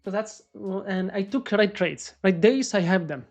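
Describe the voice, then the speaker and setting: A man doing live trading commentary on a stream, excitable and swearing as he talks to the market. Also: sits high, a little slow, faint music behind. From Morocco. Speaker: day trader live-streaming.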